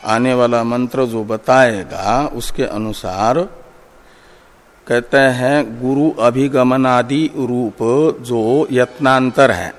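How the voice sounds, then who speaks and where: A man teaching scriptural commentary, reciting Sanskrit passages and then explaining them word by word in a measured, deliberate way. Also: mid-range voice. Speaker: Vedanta teacher. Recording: long hall reverb.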